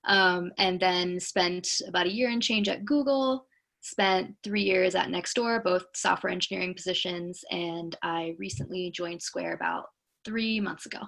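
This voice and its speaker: A woman's voice: lowish voice, unhurried, vocal fry, fairly bright tone. A woman in her twenties from California, speaking as a panelist in a concise, plain-spoken way over a video call.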